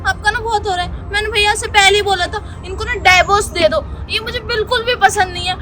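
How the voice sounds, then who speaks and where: A woman's voice: extremely high pitch, fairly even intonation, a little fast, crowd noise. A young woman acting a drunk, brash girl who talks back defiantly on a street. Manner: slurring, defiant, shouting back. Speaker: drunk younger sister-in-law. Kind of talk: web sketch acting.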